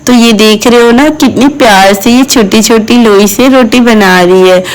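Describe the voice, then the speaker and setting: A woman's voice: a little high, unhurried, poor audio. A woman vlogger and mother narrating a family vlog voice-over, talking straight to her viewers in an emotional, fond way. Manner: keeps addressing viewers directly, emotional and fond.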